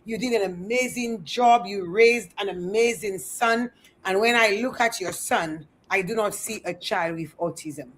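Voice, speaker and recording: Woman interview host, middle pitch, drawn-out, warm-worded questioning. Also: slight background noise. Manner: effusive, slow and deliberate. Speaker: talk show host. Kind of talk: interview hosting.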